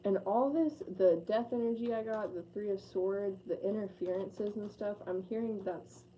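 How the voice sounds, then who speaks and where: A woman's voice: mid-range voice, normal speed, mellow, a little hiss or hum, low-quality recording. Chatty woman in her late twenties reading tarot. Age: late 20s. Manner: chatty and effusive, sentimental. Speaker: tarot reader. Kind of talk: casual tarot reading to camera.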